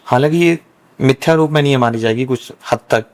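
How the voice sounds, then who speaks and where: A young Brahmin priest, appearing as a guest on a casual podcast, explains things at length and with real earnestness. His voice is mid-range and his pace fairly quick.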